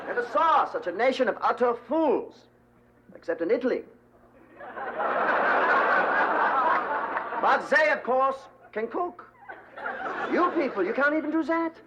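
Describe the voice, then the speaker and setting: A man's voice: very high voice, lively intonation, normal speed. An actor playing a pompous male German police investigator who bullies the suspects, with a German accent and a hard, spitting way of saying his words. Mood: scornful. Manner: sneering, mocking and bullying. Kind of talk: 1970s sitcom acting. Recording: muffled 1970s TV sound with hiss.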